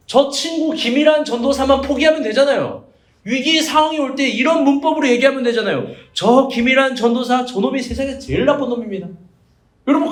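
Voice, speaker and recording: An evangelist pastor delivers a sermon in a small church, his very high voice swinging up and down. He tells stories in an animated, jokey way and asks the congregation questions, all with a roomy echo around him.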